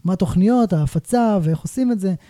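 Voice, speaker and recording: A man's voice: sits high, lively intonation, dark tone, no room sound. A man hosting a podcast, reflecting aloud in long, winding sentences as he questions his guest. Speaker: podcast host, entrepreneur. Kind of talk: casual interview conversation.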